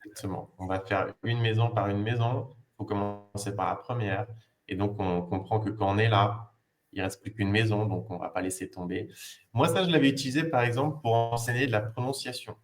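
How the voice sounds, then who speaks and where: A man's voice: lowish voice, brisk, slight background noise. A man, a language teacher, casually presenting learning games on a video call, explaining step by step with many fillers and hesitations.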